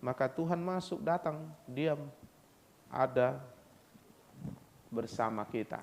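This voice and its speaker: Pastor preaching, mid-pitch, a bit of faint noise behind. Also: male voice, takes it slowly, creaky. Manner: lively preaching, acts out foreigners' voices and laughs. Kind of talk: sermon.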